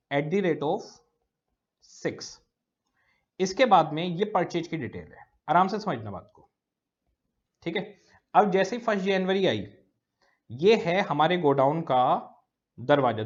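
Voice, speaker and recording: A man's voice: fairly high pitch, lo-fi sound. A male teacher giving a recorded lecture. He explains step by step, repeating key words and often checking that students follow.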